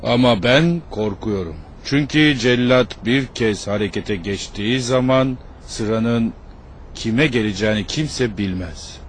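An actor playing a fearful, hesitant conspirator in a historical drama. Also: male voice, mid-range voice, slow pace, slight background noise, natural voice. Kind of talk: dubbed historical drama acting.

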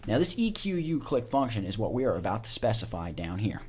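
Man talking through a software tutorial. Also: lowish voice, very animated, a little fast, soft background music. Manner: informal, talks through each click and keystroke as it is done. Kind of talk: casual step-by-step screencast tutorial.

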